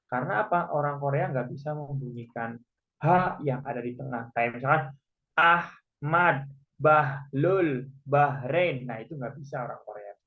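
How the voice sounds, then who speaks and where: A man teaching a Korean language class online, patiently explaining each point step by step. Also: mid-range voice. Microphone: video call. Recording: muffled video call audio.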